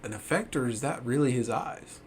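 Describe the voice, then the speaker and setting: A man co-hosting a casual podcast, talking in a relaxed, agreeable way. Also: medium pitch, brisk, slight background noise. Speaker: podcast co-host. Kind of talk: casual chat.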